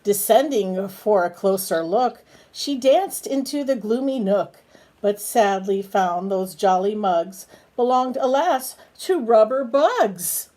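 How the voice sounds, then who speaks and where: A woman with a mid-range, dark-toned voice and lively intonation reads a children's picture book aloud. She takes her time, pausing now and then to ask a small bird simple, coaxing questions in a chatty way.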